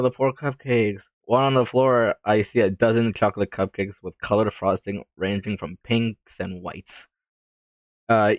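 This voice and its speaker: A man's voice: on the low side, dry recording, clean studio sound. A young man reading a visual novel aloud into a desk mic, adding rambling, self-deprecating comments and frequent giggles. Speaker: let's play gamer.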